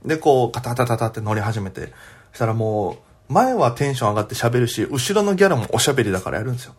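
Young man, solo podcast host, quick talker, lively chatty storytelling. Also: mid-range voice, husky.

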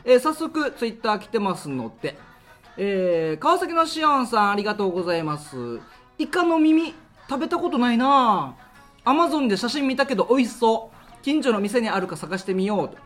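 A man, hosting a local radio show and telling stories in a casual, animated way with lots of sound effects and acted-out voices. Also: very high-pitched, normal speed, soft background music. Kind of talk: casual storytelling monologue.

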